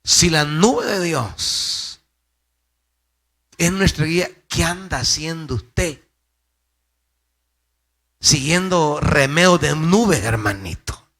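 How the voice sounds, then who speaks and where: Dramatic Salvadoran pastor, gravelly voice. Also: male voice, on the high side, expressive, slow, long pauses. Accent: Salvadoran Spanish. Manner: dramatic, swinging from hushed to loud, repeats phrases for emphasis. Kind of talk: sermon.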